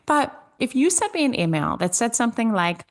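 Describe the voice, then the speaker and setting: A woman from Switzerland, middle-aged, hosting a podcast with an upbeat, coaching energy. Her voice sits at an ordinary pitch for a woman but leaps up on the words she wants to land, so each point gets its own emphatic push. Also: big pitch swings, fairly quick. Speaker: podcast host. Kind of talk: podcast host recap and listener Q&A.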